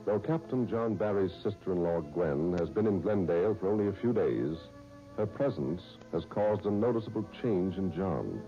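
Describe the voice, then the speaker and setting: A man announcing a 1930s radio serial in a smooth, measured announcer style, heard as an old radio broadcast. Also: low-pitched, lively intonation. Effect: old radio broadcast sound. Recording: dull old radio recording, faint music.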